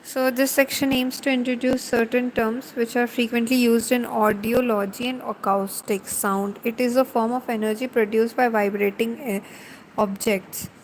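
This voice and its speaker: A woman with an Indian accent lectures at a very slow, careful pace, defining each term in turn and switching between Hindi and English. Her voice sits a little high. A faint noise runs under the recording. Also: steady tone, poor audio. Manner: slow, deliberate, explaining term by term.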